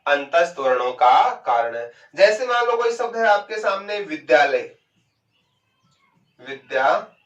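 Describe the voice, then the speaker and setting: A man teaching Hindi grammar in a lecture. He asks questions and answers them himself, and he draws words out slowly to show how they sound. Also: high voice, very animated, a bit bright, far from the mic. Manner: stretches out words to show pronunciation. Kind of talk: classroom lecture. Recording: dull, echoey and off-mic.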